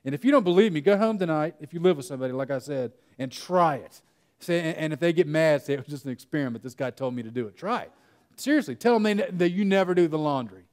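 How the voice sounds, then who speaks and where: A young man leads a conference breakout session in a fairly high voice. He tells stories with plenty of jokes and talks straight to the audience. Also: fast talker. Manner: animated storytelling, jokes with the audience. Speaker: workshop speaker. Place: conference room.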